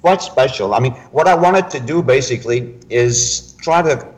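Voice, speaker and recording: A man with a French Canadian accent casually introducing his work as a panel guest, in a hesitant, halting way. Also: medium pitch, expressive, low-quality recording. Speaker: novelist, podcast panel guest. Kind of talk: casual spoken book introduction.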